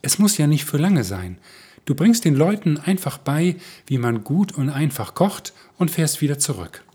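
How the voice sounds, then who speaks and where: A man's voice: a little high, very animated, moderate pace, warm tone, slightly rough, voice pushed up. A man voicing an eager pleading grown daughter. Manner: urgent, persuasive. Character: eager adult daughter pleading with her mother.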